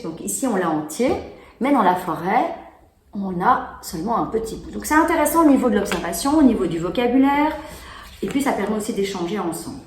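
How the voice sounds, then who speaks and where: A woman chats her way through a demo of children's board games, explaining each step as she plays. She sits in an echoey room, with faint noise in the background. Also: medium pitch. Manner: chatty, explaining while playing. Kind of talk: casual product demo.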